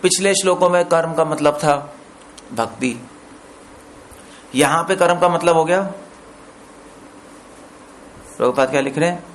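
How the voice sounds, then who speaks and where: A man's voice: on the high side, a little slow, long pauses, a little hiss or hum. A man giving a scripture discourse as a preacher, explaining word meanings step by step and checking with listeners through questions. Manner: explains with questions to listeners, mixes in English words.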